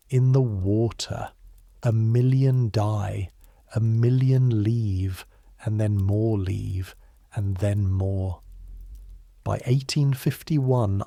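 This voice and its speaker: A man with a low, gravelly voice tells a history story meant for falling asleep, speaking straight to the listener in a measured, softly grave way. The sound is dry and close, with no room around it. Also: no echo. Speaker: narrator. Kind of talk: calm second-person history narration for sleep.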